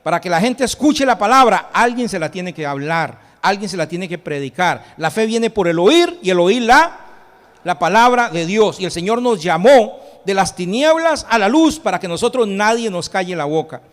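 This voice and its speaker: A man preaching a sermon as pastor, impassioned, swinging between loud proclamation and hushed intensity. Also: sits high, expressive, moderate pace, in a large hall. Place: church sanctuary.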